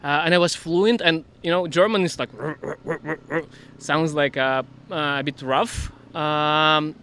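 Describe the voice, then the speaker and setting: A man's voice: fairly high pitch, steady tone, unhurried, sharp tone, a little hiss or hum. A man in his thirties from Russia, speaking with a Russian accent as an interview guest, hesitant and laughing often. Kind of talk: casual interview chat.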